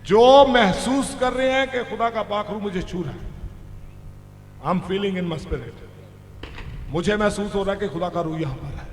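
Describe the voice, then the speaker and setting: Male pastor, very high and slow, fiery revival sermon delivery, booming long hall reverb. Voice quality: mixes Hindi with English phrases. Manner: shouting fervently, calls out to the crowd. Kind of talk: healing-service sermon. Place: large hall at a church meeting. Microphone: handheld stage mic. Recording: echoey hall with rumble.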